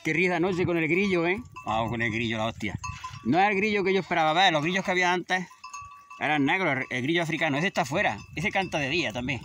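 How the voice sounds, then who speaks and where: Man, 50s, casual chat outdoors, bright tone, slightly high voice. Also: fast, slight background noise. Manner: chatty, scolds animals between stories. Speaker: shepherd vlogger. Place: outdoors in a field.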